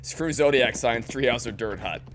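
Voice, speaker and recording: A man's voice: mid-range voice, moderate pace, a crowd in the background. A man streaming live and commenting on a game, rambling and repeating words as he thinks.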